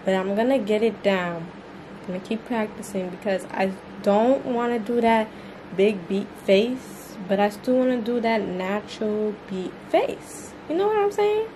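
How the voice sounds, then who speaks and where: A woman's voice: medium pitch, a little slow, noisy background. A teenage girl from Boston chatting casually and slangily straight to her viewers in a vlog. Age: teens. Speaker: vlogger.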